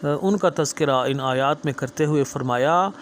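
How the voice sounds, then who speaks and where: A man's voice: medium pitch, a little hiss or hum. A man explaining Quranic verses in an earnest sermon style, often repeating phrases for emphasis. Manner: melodic drawn-out chanting of verses, then earnest explanatory speech. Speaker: Quran teacher.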